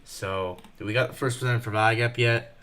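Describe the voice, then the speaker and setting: A nervous young man giving fast live commentary while trading, thinking out loud and rushing his words. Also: medium pitch, steady tone, clean tone. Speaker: day trader streaming live.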